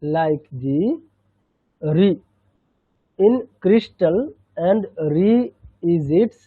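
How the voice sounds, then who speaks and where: A high-pitched man leads a chanting lesson and patiently repeats syllables for his students. His voice comes through a narrow, tinny line. The sound is close and dry. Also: dry recording. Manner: patient, repeats sounds slowly, mixes in English. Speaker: Sanskrit chanting teacher. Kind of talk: online language lesson.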